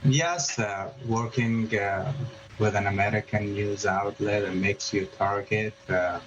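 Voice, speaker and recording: A man's voice: lowish voice, fairly even intonation, unhurried, fairly bright tone. A man, a journalist speaking as a guest in a remote news interview, hesitant, with many fillers and restarts. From Afghanistan. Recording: muffled remote line with background noise.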